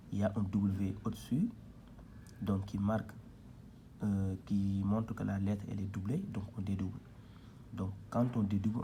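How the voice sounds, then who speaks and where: A patient man teaches a reading lesson at a board, spelling out syllables one at a time. His voice is low with a gravelly edge. He takes a very slow, unhurried pace, with faint noise behind him. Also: warm tone.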